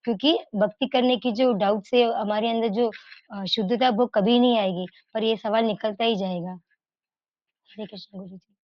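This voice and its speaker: A woman's voice: medium pitch, fairly even intonation, moderate pace, no echo. Woman devotee, reflective and self-questioning, heard over a dull, dry remote line. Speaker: devotee sharing her reflection.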